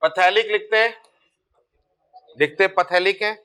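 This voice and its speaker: Man, chemistry teacher, high bright voice, clean and crisp, repeats terms, keeps checking understanding. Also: measured pace. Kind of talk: board lecture.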